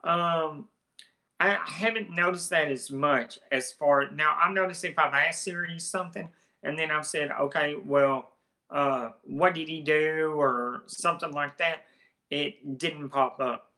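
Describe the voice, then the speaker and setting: A man's voice: a little high, a little slow, pushed and bright. A man with a heavy Southern accent, a YouTuber talking casually to his viewers about phones, rambling and often restarting his phrases. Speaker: tech YouTuber. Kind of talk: casual talk to camera.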